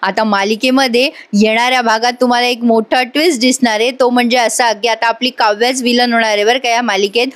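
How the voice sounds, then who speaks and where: A woman's voice: on the high side, steady tone, brisk, hardly any pauses. A woman narrating a chatty voice-over recap of a TV serial episode, addressing the audience directly.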